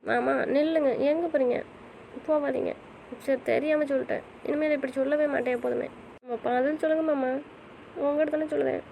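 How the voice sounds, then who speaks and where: A woman's voice: high voice, fairly even intonation, a little fast, creaky, dark tone, slight background noise. A woman playing a young wife who pleads and apologizes, in an audio drama recorded on a dull lo-fi track. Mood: pleading.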